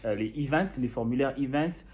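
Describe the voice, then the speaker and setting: Speaking at a moderate pace and medium pitch, a young man from Kinshasa with a Congolese French accent tells the camera about his experience. As a YouTuber chatting casually, he uses lots of fillers and restarts. The sound quality is dull lo-fi.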